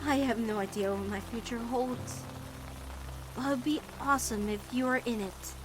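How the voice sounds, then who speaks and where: Woman as Luz, an earnest high-voiced teenage girl. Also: noisy background, close to an everyday voice. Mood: tender, sincere. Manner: halting, nervous, heartfelt. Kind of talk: animated-series comic dub acting.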